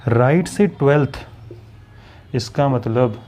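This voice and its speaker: Slow and mellow in a mid-range voice, a man teaches maths and reasoning in an online exam-prep class. He works through each step and keeps asking whether the students are keeping up.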